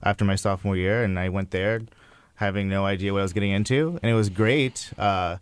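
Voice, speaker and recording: Niski, czysty głos młodego mężczyzny. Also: male voice, deep voice, fairly quick, clear, resonant tone. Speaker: interview guest, creative entrepreneur. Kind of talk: casual interview talk.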